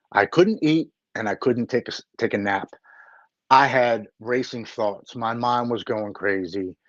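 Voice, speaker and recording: A man's voice: mid-range voice, no room sound. A middle-aged man telling his own story as an interview guest, blunt and plain-spoken, swearing casually. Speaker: interview guest, recovery advocate. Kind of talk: personal story in a live interview. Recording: dull lo-fi dry sound.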